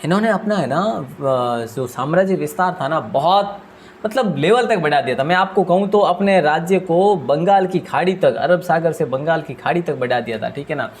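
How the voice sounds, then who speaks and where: A man teaching an exam-prep quiz lesson, talking fast and repeating each question before answering it himself. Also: a little high, expressive, a little hiss or hum. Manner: asks questions aloud and answers them himself; deliberately speaks fast.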